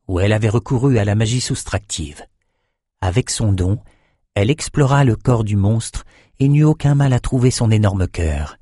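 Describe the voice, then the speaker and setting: A man narrating a fantasy audiobook in a measured, steady storytelling manner. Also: on the low side, husky, no echo, clean studio sound.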